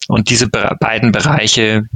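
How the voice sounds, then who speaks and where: Gravelly-voiced man, thoughtful interview guest. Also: lowish voice, flat delivery, a little slow, a bit bright, dry recording. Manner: thoughtful, hesitant with fillers, mixes in English business terms. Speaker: marketing director interviewed as guest. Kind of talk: conversational interview answers.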